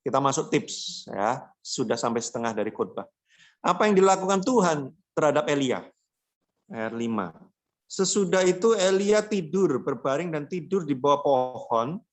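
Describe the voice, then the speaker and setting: A man's voice: on the high side, expressive, normal speed. A man preaching a casual, joking youth sermon, slangy and acting out quoted voices. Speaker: youth pastor.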